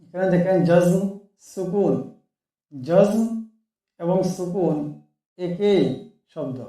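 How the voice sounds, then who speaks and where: A man teaching Quran reading, calmly explaining the letters and repeating each syllable slowly for practice. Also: high voice, heavy reverb, recorded from a distance. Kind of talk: slow step-by-step lesson.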